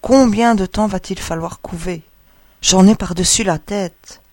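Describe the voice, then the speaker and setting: A woman's voice: mid-range voice, unhurried, a little mellow, no echo, studio quality, lightly acted. A woman voicing a proud, protective mother duck who fusses over her ducklings, in a storybook reading. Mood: fretful. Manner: fussy, protective, doting. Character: anxious proud mother duck, female, adult.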